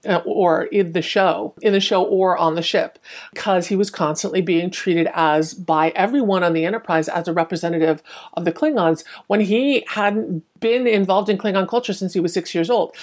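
A woman born in Hong Kong and raised in the US, talking earnestly as a podcast guest on a video call, often restarting her sentences. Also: on the low side. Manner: earnest, talkative, many restarts. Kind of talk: casual panel discussion.

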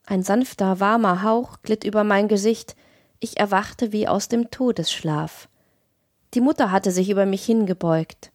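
Woman narrator, mid-pitched, dry close read of a classic tale. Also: measured pace, a little mellow, no echo. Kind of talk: literary audiobook narration.

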